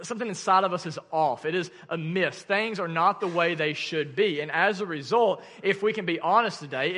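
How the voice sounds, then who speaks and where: A man with an Arkansan accent preaching a sermon to a congregation, emphatic, with dramatic drops and pauses. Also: fairly high pitch, sharp tone. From Arkansas, United States. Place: large room, preaching to a congregation. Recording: long reverb of a large room.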